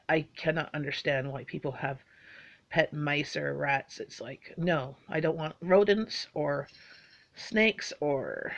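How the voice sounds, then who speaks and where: A woman's voice: low-pitched, gravelly, highs cut off. A woman, chatting casually through a list of facts about herself and rambling with fillers. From Bahamas. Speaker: vlogger.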